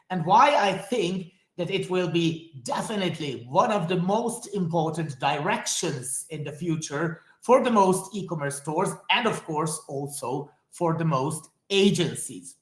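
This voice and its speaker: Speaking straight to his audience, a man from Hungary gives a friendly, enthusiastic webinar presentation in his native Hungarian accent. His voice leans high with lively intonation, unhurried and with few pauses, in a reverberant space.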